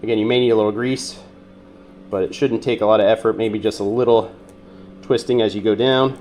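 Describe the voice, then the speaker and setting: A man with a nasal, congested voice from being sick, calmly walking through a repair step by step with frequent ums and uhs. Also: on the low side, fairly quick, a little hiss or hum. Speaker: mechanic demonstrating a repair. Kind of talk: casual how-to demonstration.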